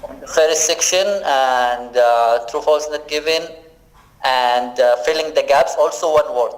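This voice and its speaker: A man's voice: medium pitch, steady tone, unhurried, poor audio. Hesitant young man on a call. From Pakistan. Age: young adult. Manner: hesitant, many uh fillers. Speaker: student, guest. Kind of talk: casual interview answers.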